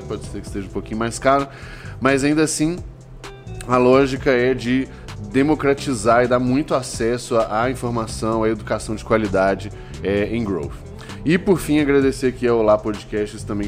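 Male podcast host, mid-pitched, casual and chatty, faint music bed. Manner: chatty, drawn-out fillers and restarts.

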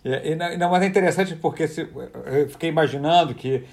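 A man's voice: on the high side, fast talker, gravelly, a little mellow. A man from Rio with a Carioca accent in casual comedic chat, stammering and circling back on his words. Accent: Carioca (Rio de Janeiro). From Rio de Janeiro, Brazil.

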